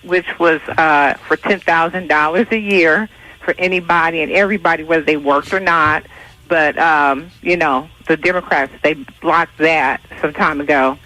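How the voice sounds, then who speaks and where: A woman's voice: on the low side, sharp tone, low-quality recording. A woman calling in to a radio talk show, speaking enthusiastically and at length with many fillers. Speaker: caller. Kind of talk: call-in comment on talk radio. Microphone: phone call.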